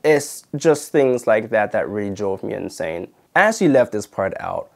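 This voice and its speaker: A man's voice: fairly low pitch, big pitch swings, normal speed, vocal fry. A young man telling a story to camera in a casual, indignant way, full of "like" and "you know". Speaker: channel host and former videographer.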